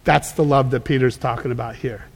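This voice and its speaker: A man's voice: mid-range voice, fairly even intonation, fairly quick, husky, long reverb tail. A man preaching a conversational sermon as a pastor, emphatic and prone to repeating words as he goes. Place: church.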